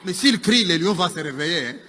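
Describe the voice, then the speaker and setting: A man telling a joke as a lively story, with asides to his listeners. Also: high voice, fairly quick, background noise. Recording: long hall reverb, faint music.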